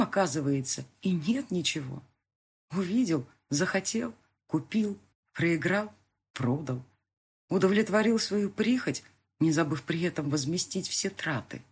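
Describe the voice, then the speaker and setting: Husky woman narrating an audiobook. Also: low-pitched. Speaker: audiobook reader. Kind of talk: first-person audiobook narration.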